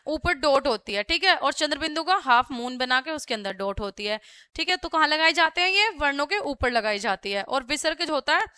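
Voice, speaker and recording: A woman's voice: high-pitched, expressive, fairly quick, pushed and bright, no room sound, studio quality. A young woman teaching a grammar lesson to young children, explaining patiently step by step and checking in with the class as she goes. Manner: patient, explains step by step, often says "theek hai".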